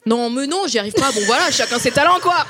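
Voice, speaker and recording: A woman's voice: high-pitched, expressive, quick pace, a bit bright, slightly rough. Playful self-mocking woman from Nantes. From Nantes region, France. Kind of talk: casual chat.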